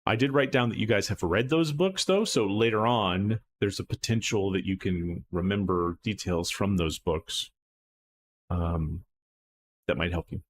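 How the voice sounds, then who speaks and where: A man's voice: low voice, a little slow, breathy edge. A man acting as game master, recapping a tabletop horror game in a loose, rambling way full of fillers and restarts.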